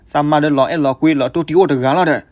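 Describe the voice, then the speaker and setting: A man telling a folk story, switching between loud outbursts and hushed asides. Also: on the high side, fairly even intonation, very fast.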